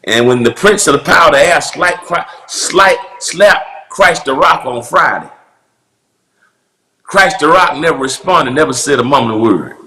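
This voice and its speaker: A pastor breaking down sermon clips in a playful, drawling call-and-response manner. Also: male voice, on the high side, expressive, a little slow, bright, forceful tone, reverberant.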